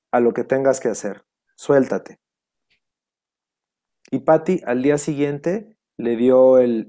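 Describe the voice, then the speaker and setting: A man's voice: mid-range voice, dark tone. A man telling a heartfelt personal story in an interview, reflective and quoting past conversations. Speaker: guest.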